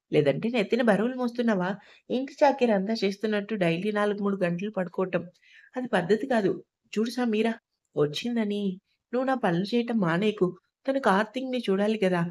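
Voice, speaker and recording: A woman's voice: mid-range voice, a little mellow, close to an everyday voice. A woman doing a stern scolding old husband. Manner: scolding, lecturing. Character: stern older man, irritable husband and father-in-law. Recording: dull lo-fi recording.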